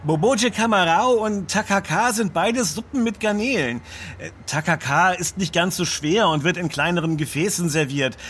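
A man's voice: high-pitched, normal speed, fairly bright tone, slight background noise. An actor playing an always-hungry, playful young man in a radio play who makes a drama of his appetite. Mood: explaining. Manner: playful, dramatic, food-obsessed.

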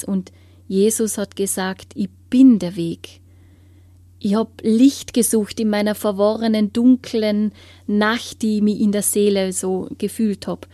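Speaking at medium pitch in a dry recording, a woman shares an earnest personal testimony during an interview. She frequently drops into a hushed whisper while searching for words.

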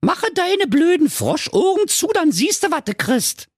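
A man voicing a spoiled, rude rich young woman in a shrill falsetto with a Berlin accent. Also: big pitch swings, unhurried, dry recording, clean studio sound, heavily acted. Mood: snippy.

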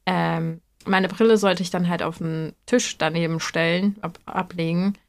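A woman's voice: lowish voice, steady tone, unhurried, creaky. A young woman from Hamburg telling a story in casual chat, chatty and giggly. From Hamburg, Germany.

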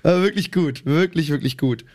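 Young male podcast co-host, chatty storyteller who gets animated, slightly high voice. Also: fairly quick. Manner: animated storyteller, many fillers, rises in pitch when excited. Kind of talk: casual chat.

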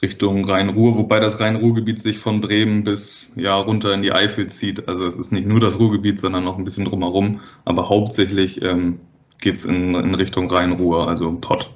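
This thirtysomething man works as a freight dispatcher and comes from around Hamburg, Germany. Responding casually in an interview, he's hesitant, full of fillers, and quick to laugh, speaking low and flat on audio that lacks high frequencies.

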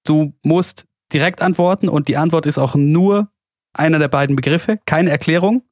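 A male podcast host explaining a game and firing off quick either-or questions in a brisk, upbeat way, with many fillers. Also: a little high, dry recording, clean studio sound. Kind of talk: quick-fire question game and sports chat.

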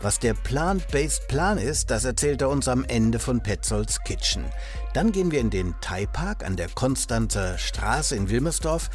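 A man hosting and narrating a food magazine segment in measured, scripted voice-over. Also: mid-range voice, animated, faint music behind. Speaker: host and reporter.

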